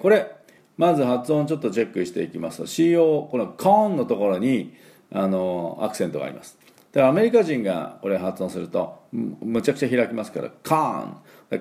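A man with a low, gravelly voice gives a relaxed, chatty English lesson. His pitch swings widely as he stretches out model words slowly and loudly, then drops back to mumbled fillers. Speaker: English teacher. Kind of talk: casual spoken English lesson.

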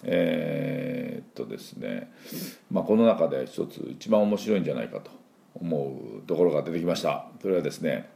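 A man's voice: extremely low pitch, very animated, normal speed, gravelly, mellow. A man running an English pronunciation lesson as the school's principal, drilling sounds aloud and having listeners repeat after him in a chatty, encouraging way. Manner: chatty and encouraging, with filler words.

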